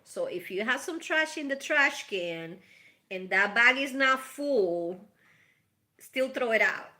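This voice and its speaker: Taking it slowly, the channel host speaks in a slightly high, sharp-toned voice with lively intonation while giving a casual live tarot reading and spiritual advice. She is from Puerto Rico, has a Puerto Rican accent, speaks Spanish as her first language, and addresses her viewers in a chatty, affectionate manner.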